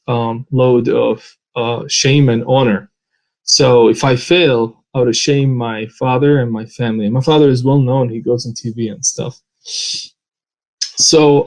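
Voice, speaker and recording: A man from Saudi Arabia with a Saudi Arabian accent and Arabic as his first language, giving an earnest personal testimony in an interview, pausing often with "uh". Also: mid-range voice, poor audio. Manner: earnest, halting, with many "uh" pauses.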